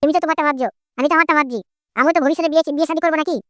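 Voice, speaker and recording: A woman's voice: high-pitched, racing, a bit bright, no echo, clean studio sound. A woman voicing a sulky, bratty grown son in a cartoon, whining and complaining about his family. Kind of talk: comic Bengali cartoon voice acting.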